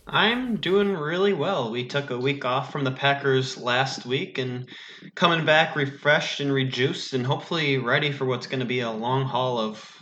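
A man's voice: medium pitch, normal speed, bright, forceful tone, dull audio. A man co-hosting a sports podcast in casual, rambling chat, his voice slightly distorted because he has no proper microphone. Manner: loose and rambling, many "like"s. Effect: slightly distorted audio, no proper microphone. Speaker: podcast co-host. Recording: echoey, distorted room sound without a proper mic.

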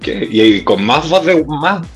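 A young Chilean man chatting casually, cheeky and animated, putting on mocking replies. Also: fairly high pitch, unhurried, soft background music. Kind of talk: casual chat.

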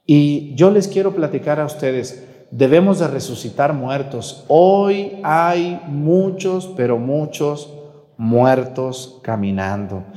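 A man's voice: medium pitch, darkish tone, roomy sound, long reverb tail. A man with a Mexican accent preaching a sermon during Mass. He scolds the viewers bluntly and asks many rhetorical questions. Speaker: priest.

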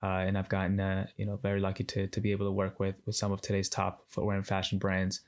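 A man in his thirties from Ecuador talks casually as a podcast guest. His voice sits low and stays flat in pitch. He hesitates often, repeating words and filling pauses as he goes. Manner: hesitant, many fillers and restarts. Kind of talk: casual interview chat.

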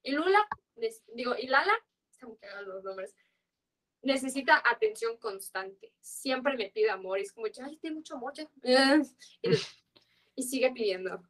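Her high-pitched, animated voice a bit bright and a little slow, a young Yucatecan woman in her twenties talks casually on a podcast. Her strong Yucatán Mexican Spanish accent comes through as she rambles with slang and fillers.

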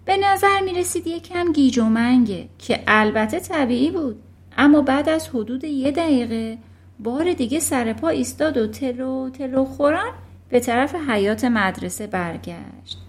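A woman narrating a children's novel in an expressive storybook reading. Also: high voice.

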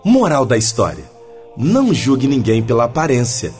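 A man reading a children's story aloud in a gentle, lively storytelling manner. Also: medium pitch, normal speed, soft background music.

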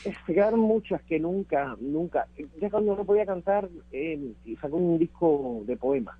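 A man with a Cuban Spanish accent reminisces as an interview guest, emphatic and repeating words for effect. His voice is a little high and expressive, moderately paced with a breathy edge. The audio sounds narrow and tinny.

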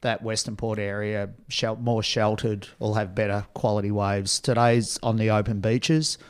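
A man's voice: on the low side, little pitch movement, normal speed, clean tone. An Australian man giving an informal, matter-of-fact surf report on radio.

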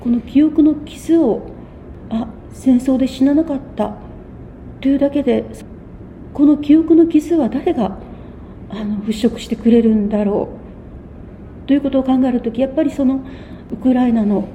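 A woman in her sixties answering interview questions in a measured, thoughtful way, often pausing mid-phrase. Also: high-pitched, mellow, a little hiss or hum. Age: 60s. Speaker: guest.

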